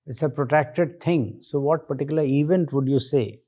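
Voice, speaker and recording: A man with an Indian accent questioning as an interview panellist in a deliberate, wry, correcting way. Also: on the high side, warm tone.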